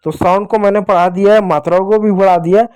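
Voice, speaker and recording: A man with a notably high voice teaches a children's lesson at a whiteboard. He is patient, slows down to spell out sounds and keeps asking the kids questions. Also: steady tone, darkish tone, smooth.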